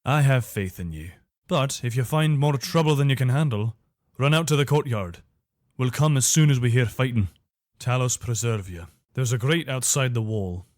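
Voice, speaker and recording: A man voices a video game soldier of an imperial legion, loyal and wary, in earnest, steady, soldierly voice lines. His medium-pitched voice has a darkish tone, normal speed and a light touch of acting. The studio-quality recording has no room sound.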